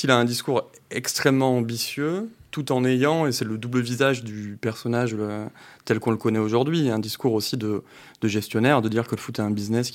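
A man, a deputy editor, explaining things in a podcast discussion, hesitant with many restarts. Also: medium pitch. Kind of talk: casual discussion.

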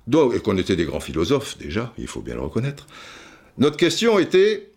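A man's voice: lowish voice, wildly swooping pitch, moderate pace, vocal fry, darkish tone, breathy edge. A man hosting a podcast, telling a rambling, digressive story with many restarts and asides. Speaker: podcast host. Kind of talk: casual storytelling monologue.

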